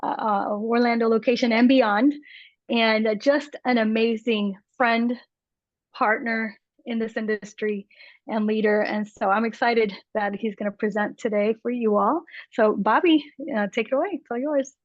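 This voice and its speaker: A woman's voice: a little high, steady tone, normal speed, no room sound. A woman hosting a weekly call, enthusiastically introducing a guest speaker with fillers. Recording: dull, dry call audio.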